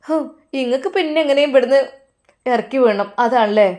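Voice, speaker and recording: A woman's voice: high voice, a little fast, dark tone, natural voice. A woman voicing a stern older mother-in-law who lectures and scolds in a Malappuram Malayalam accent. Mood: scolding.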